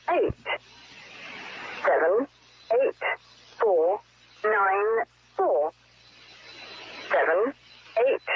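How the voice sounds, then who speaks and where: A woman's voice reads number groups on a shortwave numbers station, slow and mechanical. The sound is muffled and lo-fi, with a rough, husky grain. Her pitch leaps up and down between the digits. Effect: shortwave numbers station broadcast played from a phone. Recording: muffled lo-fi shortwave radio clip.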